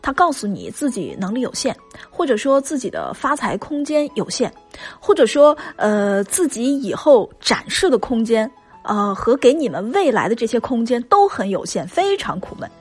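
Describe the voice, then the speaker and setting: Animated husky woman giving relationship advice. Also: a little high, moderate pace, faint music behind. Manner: emphatic, chatty, rhetorical questions. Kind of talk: spoken lesson to listeners.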